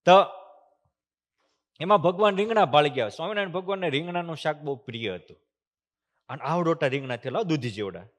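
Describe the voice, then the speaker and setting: A man giving a temple sermon. He tells devotional stories, chants verses, and moves between loud emphasis and soft hushed passages. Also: a little high, lively intonation, brisk, pauses often. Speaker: swami giving a discourse. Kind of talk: sermon with storytelling. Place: temple hall.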